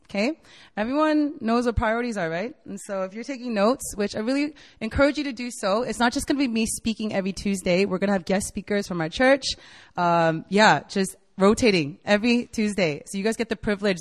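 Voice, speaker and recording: Speaking in a mid-range voice with big-room sound, a woman in her late twenties from Virginia in the US works as campus ministry staff. In a university meeting room she gives college students a chatty, enthusiastic, casual sermon heavy on "like" and "right?".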